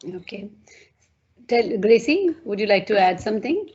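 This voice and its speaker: A woman's voice: medium pitch, sing-song, normal speed, husky. Effusive woman hosting an interview. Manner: warm, effusive, frequent fillers. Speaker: host. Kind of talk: video-call interview. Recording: lo-fi video call audio.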